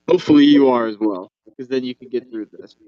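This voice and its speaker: A man's voice: mid-range voice, smooth, no room sound. A man co-hosting a casual chat show, joking and swearing, heard through a tinny phone mic. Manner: laid-back, joking banter with some swearing. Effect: tinny sound from talking straight into a phone. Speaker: co-host. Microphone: phone held up, no headphones.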